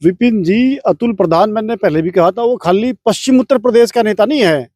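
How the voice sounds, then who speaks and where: A man's voice: high-pitched, fairly quick, darkish tone, no echo, clean studio sound. A man speaking in a street interview, declamatory and emphatic, listing points with force. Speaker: interviewee from the community.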